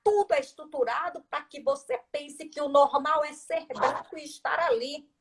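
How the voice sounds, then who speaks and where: A woman teacher talks through her points in a relaxed interview. Her voice sits a bit high, and she presses each idea with rhetorical questions and a habitual "right?". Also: normal speed. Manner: emphatic, uses rhetorical questions and tag questions. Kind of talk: conversational explanation.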